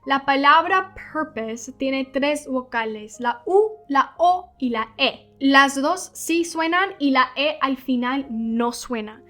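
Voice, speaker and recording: A woman's voice: high-pitched, animated, slow, hardly any pauses, bright, forceful tone. A woman whose first language is English, patiently explaining a pronunciation lesson step by step in Spanish. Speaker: English teacher. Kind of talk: Bible-based pronunciation lesson.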